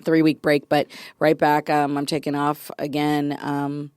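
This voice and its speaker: A woman's voice: sits low, completely flat delivery, measured pace, a little mellow, clean tone, dry recording, studio quality. A woman co-hosting a podcast in casual chat, chatty and teasing, laughing often. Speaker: podcast co-host.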